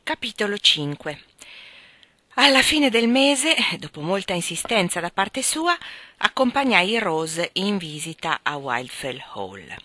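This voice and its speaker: A woman narrating a classic novel in a measured, expressive reading. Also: mid-range voice, no echo. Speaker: audiobook reader. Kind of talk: literary audiobook narration.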